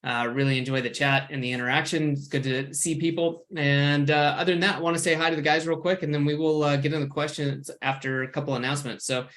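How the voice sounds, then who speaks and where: A man co-hosting a live online question-and-answer show, chatty and relaxed with many fillers. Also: fairly high pitch, fast, few pauses. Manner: relaxed, filler-heavy announcer. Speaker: co-host. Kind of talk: casual webinar chat.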